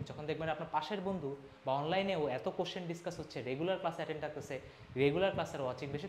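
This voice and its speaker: A young man, an admission coaching teacher, giving an energetic pep talk to students in a fast, emphatic way. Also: on the high side, roomy sound, slight background noise. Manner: fast, emphatic, switches between formal and informal address.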